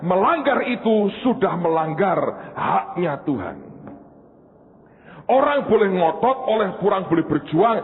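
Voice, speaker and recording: A pastor preaching a sermon, telling stories with animated swings between loud and hushed delivery. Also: male voice, high voice. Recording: echoey hall on a tinny line.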